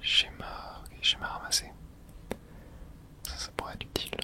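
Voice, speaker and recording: Someone whispers casual, breathy ASMR commentary over a video game at normal speed, thinking aloud in short remarks right up against the microphone.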